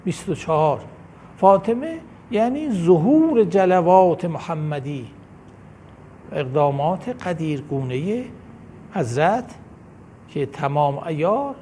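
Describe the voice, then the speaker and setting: A man delivers a devotional lecture as a numbered list, his voice pitched somewhat high and moving expressively up and down. He declaims each point and lifts his voice at every new number. A faint hum sits under the recording. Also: animated, mellow. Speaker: religious lecturer.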